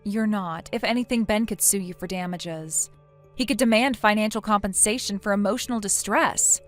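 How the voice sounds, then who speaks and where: A woman's voice: mid-range voice, normal speed, faint music behind, natural voice. A synthetic female voice playing a blunt friend who lectures in a stern tone. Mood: scolding.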